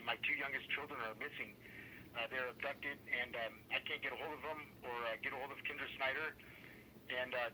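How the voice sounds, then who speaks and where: A man leaving a voicemail, his voice very bright and sharp. He pauses often and fills the gaps with uh and um. A faint hiss sits under the message. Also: medium pitch, low-quality recording. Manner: halting, full of uh and um fillers. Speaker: father.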